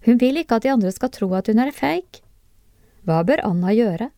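A woman narrating a lesson in a calm, measured way, her voice mellow and soft-edged. The sound is dry and close, with no room around it, and she keeps turning to ask the listener questions. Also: on the high side, dry recording. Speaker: narrator of classroom discussion cases. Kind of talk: scripted educational narration.

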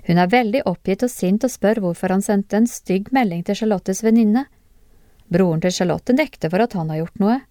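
A woman's mid-range voice delivers a calm, measured, scripted narration of classroom cases for a lesson, with pauses where she asks the listener questions. The studio sound is clean and free of echo.

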